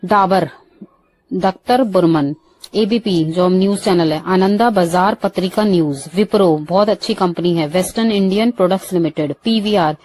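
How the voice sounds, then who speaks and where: Mellow-voiced Indian woman teaching English words. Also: lowish voice, normal speed, no room sound. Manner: lists words, glosses each in Hindi then English. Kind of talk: vocabulary lesson.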